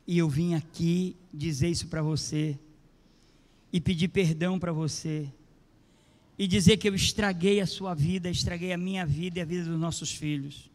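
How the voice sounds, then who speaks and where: A man's voice: steady tone, darkish tone, natural voice. A preacher acting out a remorseful pleading father. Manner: slow, low, earnest pleading. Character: remorseful middle-aged father pleading with his wife. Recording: long church reverb.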